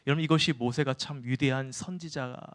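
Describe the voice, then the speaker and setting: A man's voice: medium pitch, fairly even intonation, fast. A man preaching a sermon in a church, often turning to his listeners with questions and answering them himself. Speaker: pastor.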